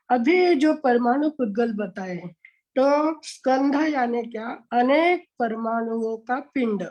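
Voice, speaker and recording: A woman's voice: fairly high pitch, a little mellow, low-quality recording. A Jain nun teaching scripture in a lecture over an online video call, explaining step by step and often asking a question before she answers it. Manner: explanatory, poses questions then answers them. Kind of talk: religious lecture.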